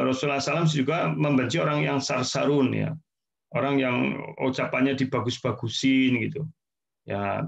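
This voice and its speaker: A man giving a relaxed religious lecture, explaining points repetition and friendly asides. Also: mid-range voice, gravelly. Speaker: Islamic teacher. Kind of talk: casual sermon lecture. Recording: dull lo-fi sound.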